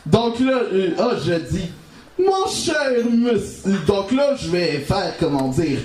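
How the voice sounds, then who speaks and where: A man's voice: sits high, sing-song, a little mellow, slight background noise. A man with a Québécois accent telling a rambling comic story on an open-mic stage, stumbling through restarts and fillers. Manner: halting, full of restarts and "comment dire". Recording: roomy live café recording from off-mic.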